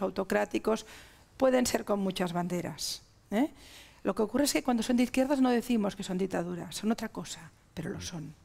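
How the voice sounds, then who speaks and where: A woman's voice: mid-range voice, gravelly, a little mellow. A middle-aged woman from Spain with a Spanish accent, a guest in a TV interview, talking emphatically in long chains of ideas.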